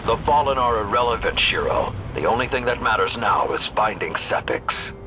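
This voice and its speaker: An actor playing a stern old warrior lord in a video game, commanding and deliberate in manner. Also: male voice, fairly low pitch, big pitch swings. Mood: grave. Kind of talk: cinematic video game acting. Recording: loud music under the voice. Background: loud game score.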